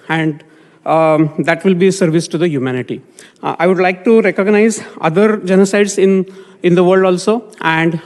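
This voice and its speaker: A man from India giving a public comment at a city council meeting, halting with many fillers and restarts. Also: a little high. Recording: long hall reverb.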